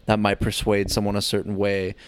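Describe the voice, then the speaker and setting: A man's voice: fairly low pitch, completely flat delivery, fairly quick, clean tone. A young man co-hosting a casual podcast, asking questions, pushing back and nodding along with frequent agreement. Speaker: podcast co-host.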